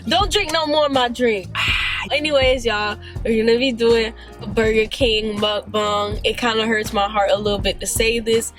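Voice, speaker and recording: Upbeat woman vlog host with a fairly high voice, laughs easily and leads the talk, light music behind. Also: fairly even intonation, normal speed. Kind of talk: casual mukbang chat.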